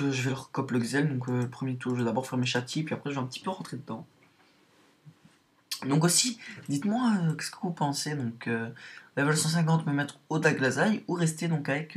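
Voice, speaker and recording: A man giving casual commentary on his own online game match, hesitant and padding his talk with fillers. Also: medium pitch. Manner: hesitant, full of "donc" and "euh" fillers.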